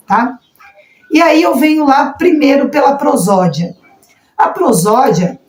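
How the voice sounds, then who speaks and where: A woman's voice: a little high, a little mellow, roomy sound. A woman with a Brazilian Portuguese accent teaching sign language interpreters in a church training lesson, demonstrating intonation expressively as she explains.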